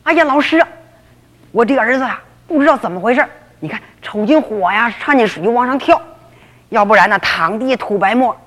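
A woman's voice: a little high, expressive, brisk, fairly bright tone. A woman voicing a desperate middle-aged father pleading for help for his son. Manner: pleading, anxious. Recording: long reverb.

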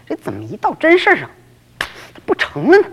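A woman storyteller tells her tale in the old oral style, exclaiming often. Her fairly high voice rises and falls a great deal and sounds a little breathy. It all rings in a long reverb. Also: brisk, slight background noise. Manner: lively, exclamatory, many interjections.

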